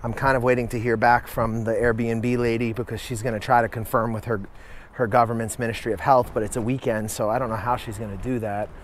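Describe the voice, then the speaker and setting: A man's voice: medium pitch, flat delivery, brisk, few pauses, slight background noise. Chatty male travel vlogger outdoors. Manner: chatty, thinking aloud with fillers. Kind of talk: casual walking vlog to camera. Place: outdoors at a hilltop fortress in a city.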